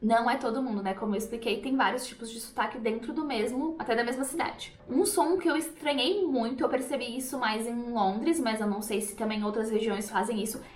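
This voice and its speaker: Woman, from Brazil, English teacher, chatty explanations, higher voice, echoey room. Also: brisk, few pauses. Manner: chatty explanatory, demonstrates pronunciations. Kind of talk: YouTube language lesson.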